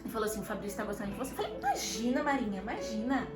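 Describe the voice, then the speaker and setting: A Brazilian woman casually telling a couple's story, lively and laughing often as she acts out what others said. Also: a little high, rapid-fire. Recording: echoey room with background music.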